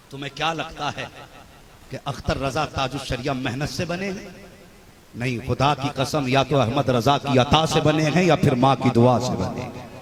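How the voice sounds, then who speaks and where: A male preacher giving a fervent devotional sermon, swearing oaths and repeating lines for emphasis. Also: mid-range voice. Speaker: preacher, mufti. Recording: live crowd behind the speaker.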